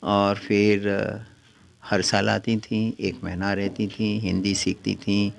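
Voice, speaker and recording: An older man from the Varanasi region, a guest house owner, tells his story in an interview in an unhurried, reminiscing way with frequent pauses. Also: fairly low pitch, flat delivery, gravelly. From Varanasi region, India.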